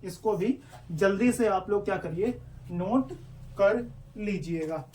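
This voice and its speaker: A man's voice: sits high, slow pace, a little mellow, far from the mic, a little hiss or hum. A male teacher explaining step by step in an online exam-prep lesson, asking questions and answering them himself.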